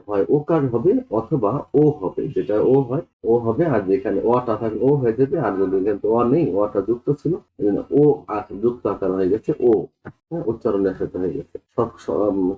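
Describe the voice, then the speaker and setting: Low-voiced Bangladeshi male teacher, tinny audio. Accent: Bangladeshi Bengali. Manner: explains step by step, repeats vowel sounds slowly. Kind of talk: explaining a lesson.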